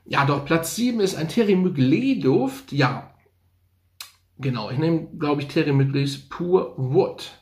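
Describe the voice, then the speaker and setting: A man's voice: on the high side, lively intonation, unhurried, a little mellow, roomy sound. A man casually reviewing fragrances, enthusiastic and thinking aloud, repeating his slang praise as he goes. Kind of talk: casual unscripted product review.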